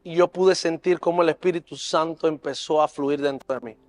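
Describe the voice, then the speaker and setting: A man with a notably high voice delivers a sermon testimony at a church service. He speaks earnestly and emotionally, building toward fervent preaching. Soft music plays faintly behind him. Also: steady tone, brisk. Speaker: preacher and youth leader.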